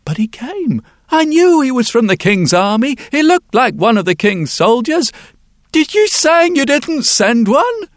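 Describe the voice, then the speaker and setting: A man's voice: on the high side, wildly swooping pitch, a little fast, hardly any pauses, a bit bright, no room sound, clean studio sound, heavily acted. A man voicing an anxious village wheelwright who stammers in panic, in a told story. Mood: pleading.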